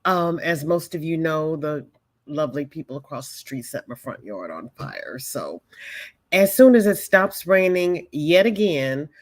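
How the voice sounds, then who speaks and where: A woman hosting a crochet livestream chats casually and greets viewers by name as their comments arrive. Her low voice is very animated yet measured in pace. Her voice may be weak, and she hopes it holds up.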